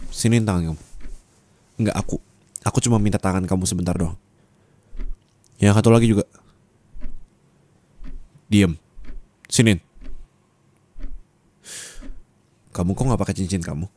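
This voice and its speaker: In an Indonesian ASMR roleplay spoken to the listener, a young adult man plays a husband talking intimately and colloquially to his wife, close on a studio microphone. His low-pitched voice is casual but suspicious, shifting from affectionate softness to angry scolding.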